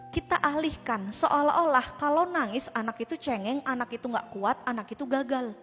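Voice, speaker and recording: Woman speaker, high voice, lively talk to a women's group, long hall reverb with music behind. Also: moderate pace. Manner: animated and conversational, with rhetorical questions to the crowd. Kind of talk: motivational religious talk to a live audience.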